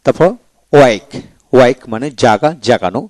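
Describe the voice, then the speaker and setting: A man from Bangladesh teaching English pronunciation in a video lecture, repeating each word slowly several times. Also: mid-range voice, a little mellow, dry recording.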